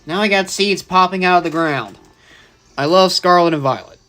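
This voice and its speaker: A man's voice: sits high, moderate pace, pushed and bright, faint music behind. A young man chatting casually and opinionatedly while livestreaming a video game. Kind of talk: live gameplay commentary.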